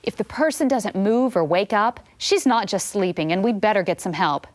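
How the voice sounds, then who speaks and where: A woman giving scripted CPR instruction, calm and clear, coaching step by step. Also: medium pitch, moderate pace.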